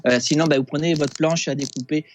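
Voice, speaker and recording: A man with a Québécois accent, a chef talking through a recipe on a casual radio segment, halting with many fillers and restarts over a phone line. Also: on the high side, steady tone, slight background noise. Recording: dull lo-fi phone sound.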